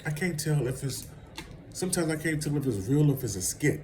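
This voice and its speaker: A man's voice: on the high side, animated, a little fast, a little mellow, slight background noise, poor audio. A man vlogging casual celebrity gossip commentary, rambling and conversational and laughing at his own asides.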